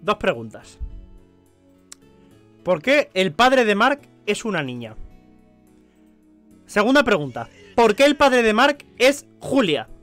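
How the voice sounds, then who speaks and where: Lively Spanish man doing game commentary. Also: sits high, takes it slowly, pauses often, soft background music. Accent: Spain Spanish. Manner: animated, jokey, slips into mock-dramatic cries. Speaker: gaming YouTuber. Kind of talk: let's play commentary.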